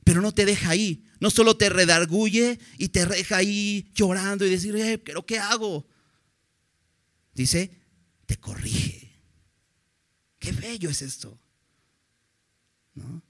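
A man's voice: high-pitched, measured pace, long pauses, fairly bright tone. A man preaching a sermon in an earnest, direct way, often putting questions to his listeners.

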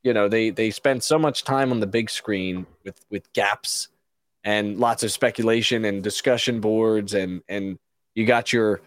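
A man's voice: on the low side, steady tone, measured pace, no echo. A man hosting a casual show review chat, rambling and opinionated, with frequent restarts. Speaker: podcast host.

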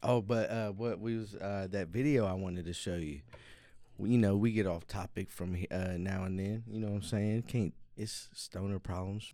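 A man's voice: lowish voice, warm tone, no echo. A man co-hosting a casual podcast, laid-back and slangy, laughing often. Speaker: podcast co-host. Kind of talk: casual stoner chat.

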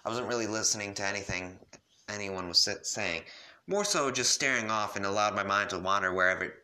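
A man casually reading a first-person story aloud, relaxed, stumbling and correcting himself now and then. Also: fairly low pitch, a little fast. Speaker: reader of fan fiction.

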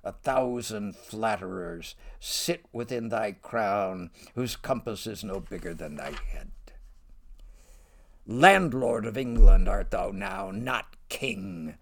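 A man reading the verse of a dying old nobleman who rebukes his king, in a measured reading voice. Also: lowish voice, very animated, a bit bright, heavily acted. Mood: reproachful. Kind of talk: reading Shakespeare verse aloud.

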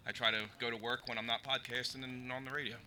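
A man's voice: mid-range voice, little pitch movement, fast talker, sharp tone. A man guesting on a bar podcast, a sports radio co-host giving hesitant, filler-heavy answers. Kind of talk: casual podcast interview. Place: brewery bar.

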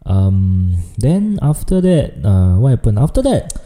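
A man's voice: lowish voice, very animated, unhurried, dark tone. A young Singaporean man in a casual interview as the guest, speaking informal Singlish and often repeating his phrases. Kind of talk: casual chat.

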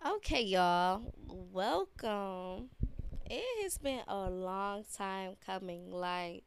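A young woman hosts a casual solo podcast, speaking slowly in a laid-back, slangy way full of fillers, her voice congested from a sinus infection. Her medium-pitched voice is animated and gravelly, with a little hiss or hum in the background.

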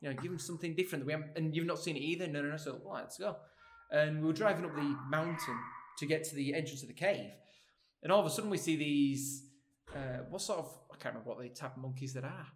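A man's voice: on the high side, fast. A man hosting a podcast in casual chat, rambling and repeating his phrases. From Britain. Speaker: podcast host. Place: big open lounge, indoors.

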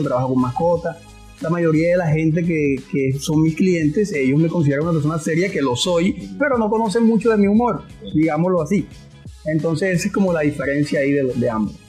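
Male interview guest, Colombian coastal accent, fairly high voice, informal and halting, music underneath. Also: a little mellow. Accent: Colombian Caribbean coast. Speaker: interview guest, online comedy creator. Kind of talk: casual interview chat.

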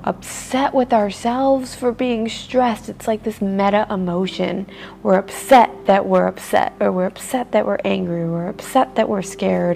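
A woman guides a meditation at a very unhurried pace. Her voice has a gravelly, fry-laden texture. She speaks softly and soothingly, with breathy pauses, and a faint hiss sits behind her. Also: mid-range voice.

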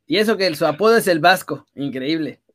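A Mexican man with a fairly high-pitched voice talks football in relaxed, rambling chat. He keeps circling back with fillers as he explains himself, easygoing and conversational. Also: brisk. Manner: chatty, filler-heavy with frequent "o sea". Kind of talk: casual sports chat.

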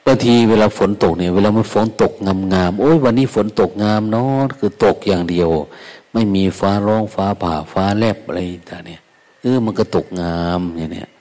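Older monk with a low, mellow voice. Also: male voice. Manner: soft, unhurried, folksy with quoted asides. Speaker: Buddhist monk. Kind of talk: Dharma talk. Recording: long hall reverb.

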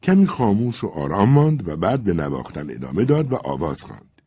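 A man narrating an audiobook of a classic story in an expressive, theatrical way. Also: low voice, breathy edge, no echo.

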